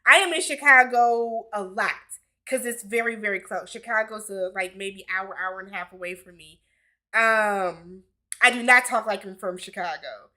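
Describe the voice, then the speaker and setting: With a medium-pitched, sharp voice at normal speed, a YouTube host in her forties from Milwaukee, Wisconsin, runs a loose livestream Q&A. She laughs frequently and reads viewer comments out loud as she chats.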